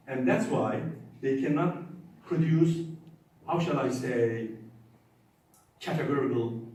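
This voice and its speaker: A man's voice: mid-range voice, warm tone. Man lecturing in an echoey hall. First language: Turkish. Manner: emphatic, repeats words, sounds out examples. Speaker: conference presenter. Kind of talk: academic conference lecture. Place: conference hall. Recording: echoey hall, distant mic.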